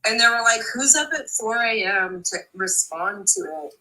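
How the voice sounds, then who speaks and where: A woman's voice: mid-range voice, animated, normal speed, a crowd in the background, low-quality recording. A woman in her thirties in casual chat, blunt and swearing freely.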